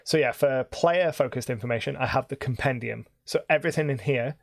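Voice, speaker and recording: A man casually chatting on a live stream as game master, rambling with frequent pauses. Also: mid-range voice, gravelly, dry recording. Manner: rambling, many ums and restarts.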